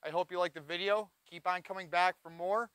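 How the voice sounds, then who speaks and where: A man's voice: high-pitched, steady tone, fairly quick, a bit bright, clear, resonant tone, no echo. A man in his forties giving an enthusiastic walkaround tour of a camping trailer, recorded on a lapel mic. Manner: enthusiastic, pointing things out as he walks. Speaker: trailer reviewer. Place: inside and around a cargo trailer on an outdoor lot.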